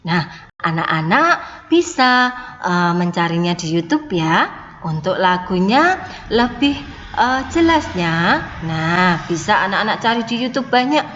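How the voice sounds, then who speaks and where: A woman's voice: fairly low pitch, sing-song, a little slow, fairly bright tone, big-room sound, dull audio, a little hiss or hum. A woman teaching a class of young children online, explaining patiently and often saying "nah" and "ya". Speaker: primary school teacher.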